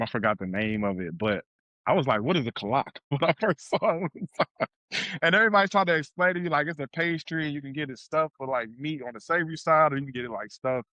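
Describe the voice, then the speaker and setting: A man's voice: a bit bright, no room sound, poor audio. Laid-back, slangy male podcast host. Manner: laid-back, slangy, sometimes drops into a lower voice. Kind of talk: casual podcast conversation.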